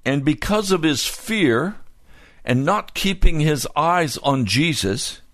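A man preaching a sermon as a pastor. He tells the story slowly and deliberately, pausing to explain each point. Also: fairly high pitch, animated, fairly bright tone, no echo.

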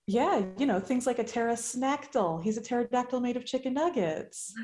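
A guest artist on a podcast chats casually, joking and poking fun at herself, in a slightly high, slightly mellow voice at a moderate pace. She's recorded indoors in an artisan shop, where the room echoes.

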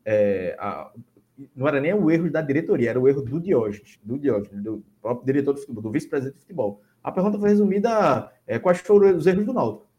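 Fast-talking sports pundit, a man. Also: medium pitch, expressive, dark tone, highs cut off. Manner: fast, pointed, repeats for emphasis. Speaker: sports commentator. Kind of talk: casual sports talk.

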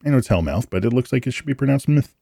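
A man's voice: medium pitch, lively intonation, rapid-fire, gravelly, mellow, breathy edge, dry recording, clean studio sound. A man hosting a live podcast, reading out date trivia and slipping in corny jokes and puns. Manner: jokey, punny asides. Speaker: podcast host.

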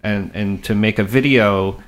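A man's voice: on the low side, unhurried. A man hosting a casual interview in a living room, speaking in an effusive, enthusiastic manner. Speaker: show host interviewer.

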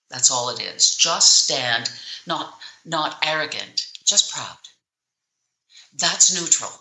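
In an echoey room, a woman answers interview questions as a public speaking coach. Her voice sits low yet cuts through brightly. She teaches emphatically and deliberately, relying on pauses and shifts in tone.

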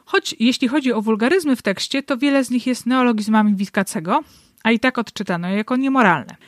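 A woman's voice: a little high, a little fast. A woman talks through literature in a wry, analytical way, with a dryly ironic edge. She sits close to the mic in a dry, dead sound with no room echo. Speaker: book reviewer. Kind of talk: literary commentary with read-aloud excerpts.

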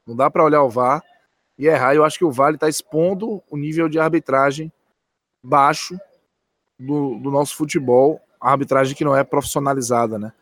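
A man's voice: medium pitch, a little fast, a bit bright, dry recording, clean studio sound. A man giving post-match football analysis from a stadium's stands, speaking emphatically and repeating key points.

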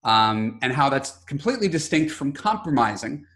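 A man's voice: mid-range voice, very animated, moderate pace, fairly bright tone. A man in his forties hosting a podcast interview, chatty and often repeating words as he starts a sentence. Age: 40s. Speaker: podcast host. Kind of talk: casual interview chat.

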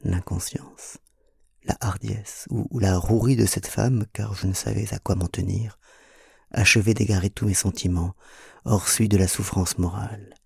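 Male audiobook narrator, low voice, gravelly, dry close sound, anguished. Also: fairly even intonation, moderate pace, dry recording. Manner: pleading, anguished. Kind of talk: first-person audiobook narration.

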